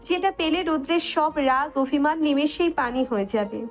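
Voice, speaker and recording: A woman's voice: high-pitched, moderate pace, faint music behind, close to an everyday voice. An actress playing a frank young woman friend who teases and gives blunt advice in an audio drama. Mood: advising. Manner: blunt, teasing. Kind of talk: Bengali audio drama acting.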